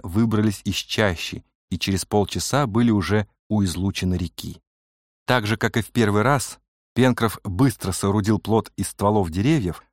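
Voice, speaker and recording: A man narrating an adventure story in a measured storytelling reading. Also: lowish voice, no echo, clean studio sound. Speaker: audiobook narrator. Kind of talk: scripted narration.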